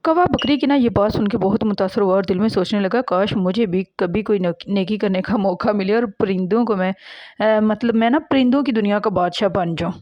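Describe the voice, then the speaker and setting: A woman's voice: mid-range voice, a little fast, dry recording, lo-fi sound. A woman vlogger with a Punjabi accent, telling a moral fable in a chatty, casual way while cooking at home, checking in with "hmm?" and filler words.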